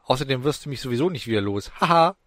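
A man's voice: mid-range voice, expressive, racing, no echo, clean studio sound, voice pushed up, natural voice. A man voicing a taunting young demon. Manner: falsely gentle, taunting, boastful. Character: cocky young male demon, bloodthirsty, mocking parasite.

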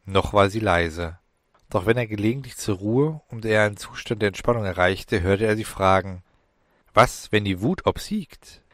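Low-voiced male audiobook narrator. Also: moderate pace, no room sound, studio quality.

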